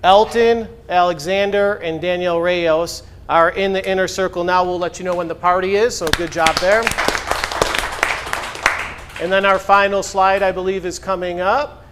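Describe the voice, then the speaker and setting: A man leading a team sales meeting, energetic and hyping up the team. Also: sits high, normal speed, a little hiss or hum. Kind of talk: upbeat meeting announcements.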